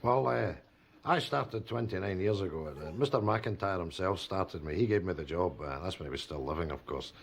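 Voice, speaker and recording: An actor playing a bumbling old cartoonist who rambles with many hesitations and restarts in a sketch comedy. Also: male voice, deep voice, a little fast, gravelly. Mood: proud. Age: older.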